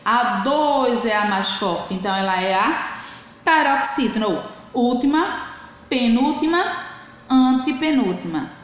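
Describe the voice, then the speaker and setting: Here an animated woman teacher, her voice a little high, leads a recorded remote lesson for young children at a slow, patient pace. She stretches out syllables as she counts them, in an echoey room with light hiss.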